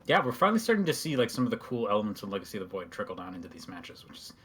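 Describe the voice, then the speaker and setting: A man's voice: lowish voice, big pitch swings, rapid-fire, slightly rough. A man casting a live video game match as host, chatty and explanatory as he breaks down the play. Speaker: esports caster.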